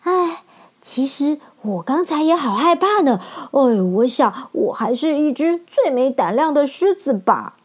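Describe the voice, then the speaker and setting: A woman's voice: high voice, sing-song, a little slow, voice pushed up. A woman voicing a timid, cowardly male lion who stammers and whimpers with fright in a storybook reading. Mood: nervous.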